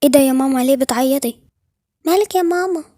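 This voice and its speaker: A woman's voice: high voice, racing, mellow, no echo, clean studio sound, pitched above the performer's own voice, close to an everyday voice. A woman with an Egyptian Arabic accent voicing a cheerful young girl in a game role-play. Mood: worried.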